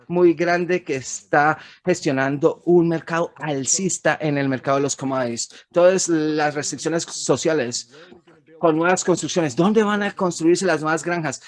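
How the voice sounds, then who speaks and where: A man's voice: fairly high pitch, moderate pace. A man, an economist, giving a frank, emphatic webinar presentation over slides, with some fillers and restarts. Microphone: webinar recording.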